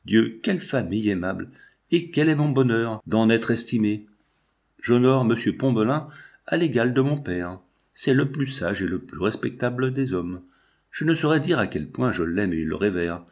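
A man's voice: lowish voice, lively intonation, moderate pace, a little mellow. A man voicing an earnest, respectful young man in love in an audiobook reading.

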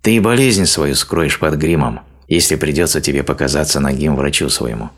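A man's voice: extremely low pitch, normal speed. A man reading a stern, angry male sage in an audiobook, scolding with harsh declamation. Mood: scornful.

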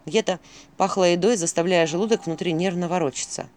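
A narrator reading a fairy tale audiobook in an expressive storytelling manner. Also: medium pitch, a little fast.

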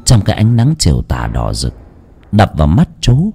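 A man narrating a village ghost story in a hushed, dramatic manner. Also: low-pitched, huge pitch swings, moderate pace, breathy edge.

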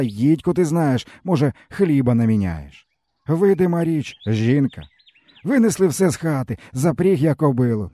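A man's voice: a little high, warm tone, dry recording, voice pushed up. A man reading the voice of a starving, weary peasant uncle who grumbles on in a mournful, folksy ramble. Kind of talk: audiobook character reading.

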